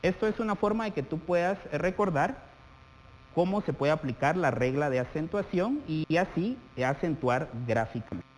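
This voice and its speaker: A man from Guatemala teaching a televised classroom lesson, speaking straight to the viewer and drawing out example words slowly. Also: on the high side, animated. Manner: addresses the viewer directly, stretches out example words while dictating. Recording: TV studio audio with long reverb and faint hum.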